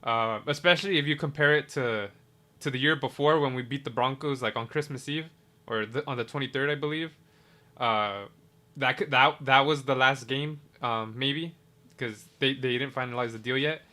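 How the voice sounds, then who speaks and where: Bright-voiced animated podcast host. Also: male voice, medium pitch, moderate pace. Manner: animated storyteller, laughs through retold quotes, swears. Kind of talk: casual chat.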